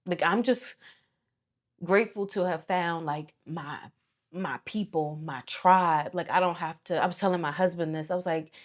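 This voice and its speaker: A woman vlogging from her hotel room, teary from crying, speaking slowly and heartfelt with many fillers into a close mic. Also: fairly low pitch. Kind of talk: emotional casual vlog reflection. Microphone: small mic held close.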